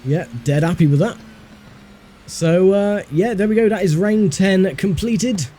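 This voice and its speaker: With a high-pitched, dark-toned voice and a measured pace, a man offers casual commentary on his own driving as he hosts a racing game video. He's a sim racer, and faint engine noise from the game's cars runs behind him.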